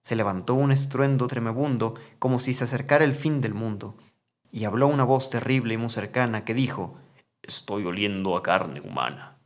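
A man narrating a rhymed comic story in a playful, expressive way. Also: mid-range voice, brisk.

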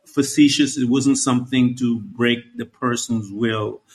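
A man's voice: mid-range voice, steady tone, measured pace. Male interviewer from Guyana; rambling, searching, conversational questions.

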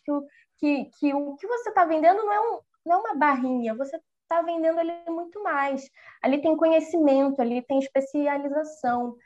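A woman in a casual conversation, telling stories about her customers in an animated way with many small fillers. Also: high voice. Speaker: chocolate maker, podcast guest. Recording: slightly dull, lo-fi sound.

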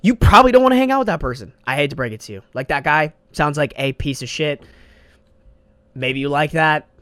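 Recorded dry on a desk studio mic, a young man hosts his podcast by himself, rambling in slang, cursing a lot and often saying "bro." His voice is fairly high, bright and expressive, and he speaks a little fast.

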